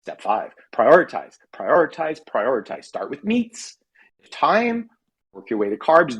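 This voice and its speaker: Reading his comic personal essay aloud, this American writer from California tells the story in a wry, mock-dramatic manner. His voice is medium-pitched, a bit bright and slightly rough.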